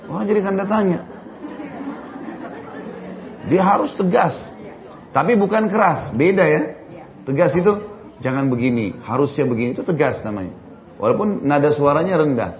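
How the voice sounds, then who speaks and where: A man preaching and answering religious questions in a jokey lecture full of rhetorical questions. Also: a little high. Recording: dull recording, faint crowd and noise.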